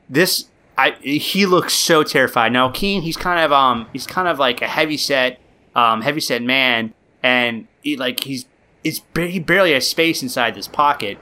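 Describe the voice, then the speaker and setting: A man co-hosting a podcast, telling a story in an animated, casual way full of likes and fillers. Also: mid-range voice.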